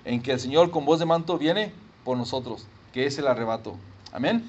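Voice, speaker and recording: A male pastor preaching a sermon and praying, animated and emphatic, acting out voices and sounds. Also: medium pitch, brisk, dull audio. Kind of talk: sermon and prayer.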